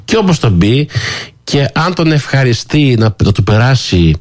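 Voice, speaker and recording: A man hosting a talk show who tells a story with animated commentary and acts out the people he quotes in a higher voice. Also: no echo. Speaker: radio show host.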